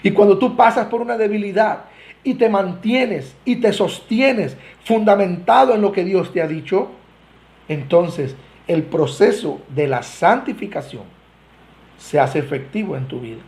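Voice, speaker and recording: A Costa Rican man preaches with a notably high voice, pressing his points and speaking straight to the congregation. His delivery swells and drops as he stresses each call to holiness. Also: expressive, a little slow, a little mellow. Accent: Costa Rican Spanish. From Costa Rica. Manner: earnest preaching, rising and falling emphasis, direct address to the congregation. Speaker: pastor. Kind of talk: sermon.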